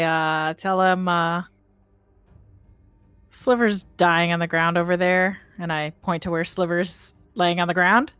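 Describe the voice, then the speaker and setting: Slow-paced woman with a lowish voice. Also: a bit bright, clear, resonant tone, dry recording. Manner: hesitant, thinking aloud. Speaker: player in a tabletop role-playing game. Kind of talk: casual tabletop game narration.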